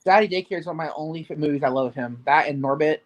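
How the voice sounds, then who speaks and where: A woman co-hosts a relaxed livestream film chat in a slightly low voice. She jokes with emphatic delivery and acts out what she would say in each scene. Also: very fast, crowd noise, poor audio. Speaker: co-host. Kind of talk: casual livestream movie chat.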